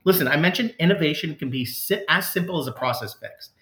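A man's voice: on the high side, lively intonation, fast talker, a bit bright, echoey room. A man, a customer service executive, answering interview questions in an earnest, conversational way with frequent fillers and restarts.

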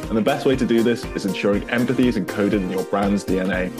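A man's voice: fairly low pitch, quick pace, music in the background. A man hosting a marketing podcast, upbeat and repeating words, often saying "like". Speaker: podcast host. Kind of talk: podcast interview.

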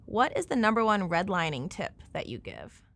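A woman's voice: medium pitch, huge pitch swings, moderate pace, fairly bright tone. Woman host asking short questions. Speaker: podcast host. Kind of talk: interview questions.

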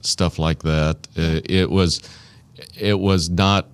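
Middle-aged male interviewee with an Arkansas drawl. Low voice, plain-spoken and folksy, chatting informally with pauses. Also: fairly even intonation, smooth. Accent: Arkansas Southern. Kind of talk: casual reminiscing interview.

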